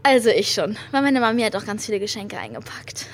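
A young German woman hosting a podcast in casual slang sprinkled with English, gushing with giddy, girlish excitement. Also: mid-range voice, brisk. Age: young adult. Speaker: podcast host. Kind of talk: casual chatty pop-music podcast with youth slang and English phrases. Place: hotel lobby. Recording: clearly noisy room ambience.

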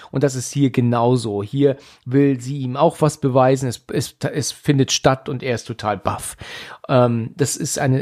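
A man chatting his way through a film's plot at an ordinary pitch. He talks loosely, with frequent fillers and self-corrections. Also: darkish tone. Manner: chatty, many fillers and restarts. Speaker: podcast host recapping a film. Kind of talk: casual film discussion.

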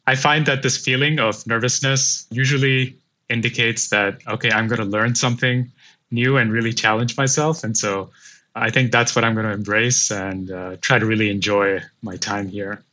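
A man from Pakistan in his thirties appears as a guest on an interview podcast. His voice is bright and forceful, and he tells his story in a measured, reflective way. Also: fairly low pitch, steady tone. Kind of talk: casual interview.

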